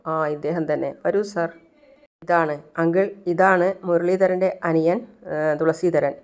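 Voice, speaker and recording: A woman's voice: on the low side, steady tone, a little slow, natural voice. A woman voicing a composed young woman who politely introduces people and consoles a grieving father. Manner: polite and reassuring.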